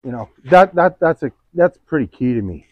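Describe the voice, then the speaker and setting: An older man with a cold-roughened voice gives a casual, halting review of fish food for his pond, with his voice breaking upward now and then. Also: mid-range voice, lively intonation, dry recording. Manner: halting, pauses mid-sentence to find words. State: hoarse from a cold, voice cracking upward. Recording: dull lo-fi, dry sound.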